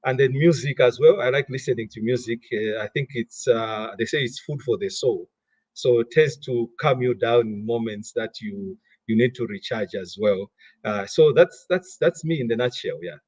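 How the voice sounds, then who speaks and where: A man in his thirties from Malawi talks through his career on a video call. His voice is of middling pitch and sounds close and dry. He is animated and often repeats words as he finds his thread. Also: moderate pace, breathy edge, dry recording. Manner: animated, repeats words while gathering thoughts. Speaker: guest, finance director. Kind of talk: conversational interview answers.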